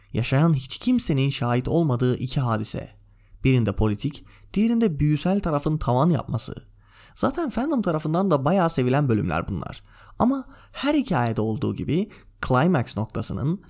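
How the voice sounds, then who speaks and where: A man hosting a book review podcast, summarising and analysing a chapter in a measured, enthusiastic way. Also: fairly high pitch, darkish tone. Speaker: podcast host. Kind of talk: book review podcast with read-aloud passages.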